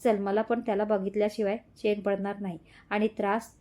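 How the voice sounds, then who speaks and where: A woman's voice: medium pitch, level tone, brisk, mellow, lightly acted. A woman voicing a concerned young man who reassures a friend and makes plans.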